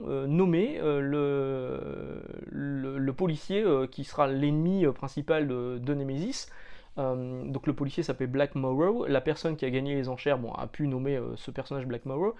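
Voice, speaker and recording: A man's voice: fairly high pitch, warm tone. Chatty French man reviewing comics. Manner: chatty, many hesitations and fillers; jokey, loose slang.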